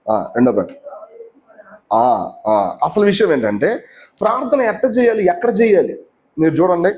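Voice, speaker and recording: A man's voice: fairly high pitch, darkish tone. A man preaching a teaching sermon in a conversational way, often asking the listeners questions and mixing in English words.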